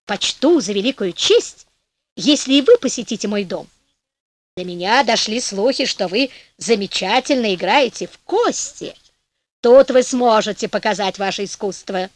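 A woman voicing a sly, fawning male devil in a storybook tale, ingratiating and then shrill when he pleads. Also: expressive, normal speed, dry recording, natural voice.

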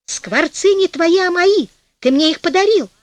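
Argumentative storybook wife, played by a woman reader, shrill, very lively. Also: moderate pace, dry recording. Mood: indignant. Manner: shrill, insistent. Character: feisty young wife, quick to argue.

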